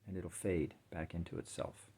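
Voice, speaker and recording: Low-voiced male spiritual teacher, calm and reflective, drops to hushed asides. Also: husky. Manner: slow, reflective, drops to near-whisper at times. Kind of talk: meditative dharma talk.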